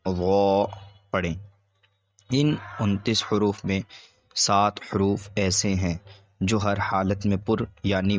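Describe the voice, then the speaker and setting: Deep, flat-voiced male Quran teacher. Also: dry recording. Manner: slow and deliberate, stretching out each letter name. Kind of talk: recorded lesson with questions and answers.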